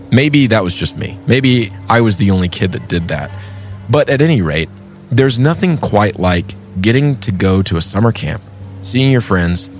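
Male podcast host, low register, scripted storytelling with ornate conversational phrasing, music bed behind. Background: background music.

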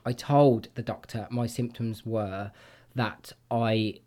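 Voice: mid-range voice, steady tone, slow pace, mellow. A podcast host in casual chat, earnest and repeating words while thinking aloud.

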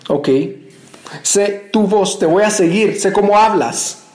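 Male pastor, high voice, earnest conversational sermon to his church. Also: slow, darkish tone, reverberant. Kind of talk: church message.

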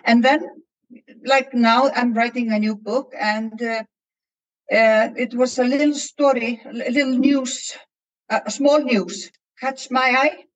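A woman from Iceland with an Icelandic accent, a novelist chatting hesitantly as a panel guest and pausing often to find her words. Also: fairly high pitch, fairly even intonation, poor audio. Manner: hesitant, many fillers and restarts while searching for words. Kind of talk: casual panel chat.

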